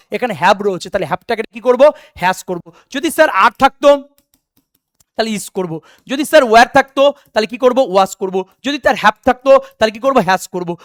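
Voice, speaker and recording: Recorded at studio quality with no room sound, a very high-pitched, somewhat bright male voice runs an online exam coaching lesson in English. He drills the rules through repetition, calls his students "baba" and "beta", and breaks into zealous pep talks.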